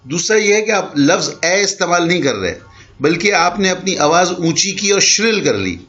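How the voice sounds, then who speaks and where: Man, grammar teacher, explanatory, fairly high pitch, muffled lo-fi audio. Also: animated, a bit bright. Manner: explains patiently, mixes English terms into Urdu. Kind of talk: online class lecture.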